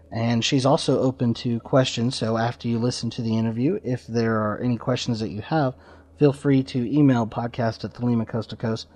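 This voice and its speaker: Here a podcast host with a dark, medium-pitched voice makes casual introductions. He's informal and slightly rambling, captured on slightly dull lo-fi audio.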